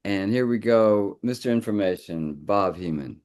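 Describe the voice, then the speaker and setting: A man's voice: lowish voice, normal speed, darkish tone. A man hosting a livestream poetry reading, teasing the readers and bringing on the next poet. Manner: jokey, teasing, exclamatory. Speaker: host of a reading series. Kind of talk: joking livestream emcee.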